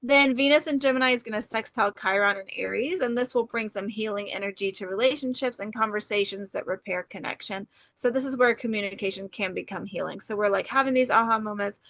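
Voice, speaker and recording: A woman's voice: mid-range voice, fast talker, hardly any pauses, a bit bright, no room sound. A woman co-hosting an astrology podcast, talking in a bubbly, chatty way with many "like"s and "okay"s. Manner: bubbly, chatty, filler-heavy with frequent "like" and "okay". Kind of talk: casual chat.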